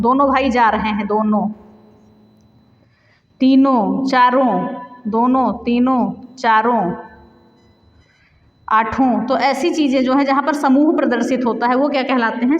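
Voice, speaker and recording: A high-voiced woman teaches a grammar class for exam students, asking questions and then answering them herself as she lists example after example. Her voice rings in a roomy space with a long reverb tail. The recording is slightly dull and lo-fi. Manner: mixes English words into Hindi. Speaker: Hindi teacher. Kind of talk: exam-prep grammar lesson.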